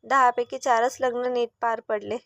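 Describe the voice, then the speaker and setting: A woman's voice: fairly high pitch, steady tone, moderate pace, creaky, a bit bright, dry recording. A woman voicing a middle-aged mother who fusses, scolds and teases in a storybook reading. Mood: fussing.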